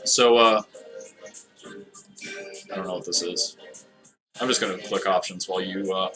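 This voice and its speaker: A man's voice: low voice, fairly even intonation, moderate pace, music in the background. A man casually commentating on a video game, rambling and ironic, often cutting himself off mid-sentence. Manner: rambling, ironic, self-interrupting. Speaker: let's play host.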